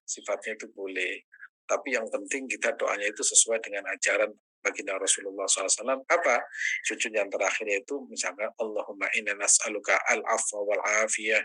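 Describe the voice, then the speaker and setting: A man teaching as an ustaz in a religious study session, answering questions, quoting Arabic prayers and rising high in pitch when stressing a point. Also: fairly even intonation, fast talker, bright, forceful tone, breathy edge, rough recording.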